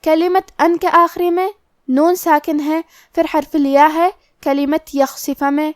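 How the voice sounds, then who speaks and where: Brief: female tajweed teacher, high voice, methodical, dry close mic. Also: steady tone, no room sound. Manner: slow, methodical explanation of each letter rule. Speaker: Quran recitation teacher. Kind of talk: tajweed lesson explaining rules.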